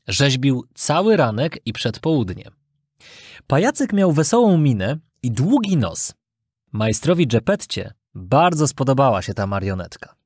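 A storyteller reading a children's fairy tale aloud in an expressive, scripted way. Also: mid-range voice, husky, no echo, clean studio sound. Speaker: narrator.

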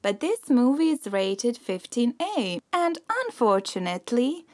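Woman doing a snooty cinema clerk, mock-polite, slow, lively pitch. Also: no room sound, studio quality. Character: snooty cinema ticket seller, playfully mean.

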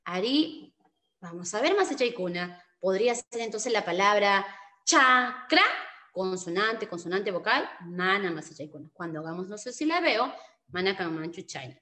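A woman teaching an online language class, saying example words loudly and slowly, then explaining more quietly and asking rhetorical questions. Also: medium pitch, lively intonation. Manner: asks rhetorical questions and peppers speech with Quechua fillers.

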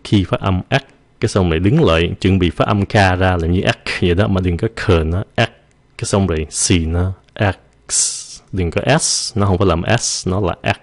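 A man teaching an English vocabulary lesson in Vietnamese. He mixes English words into his explanations and stretches words out slowly to show how they are pronounced. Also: sits low. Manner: slow, drawn-out demonstration of English pronunciation.

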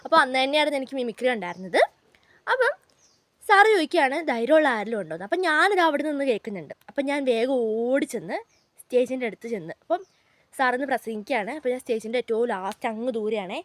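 A woman's voice: sits high, expressive, quick pace, a bit bright, no room sound. A young woman, chatting to her viewers as she tells a story from her school days on her vlog. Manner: chatty, keeps addressing viewers as guys. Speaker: vlogger.

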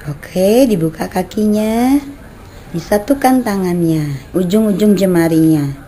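A woman guiding children through brain gym exercises with slow, patient step-by-step instructions, recorded on a camera mic on an outdoor veranda. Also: mid-range voice, warm tone, slight background noise.

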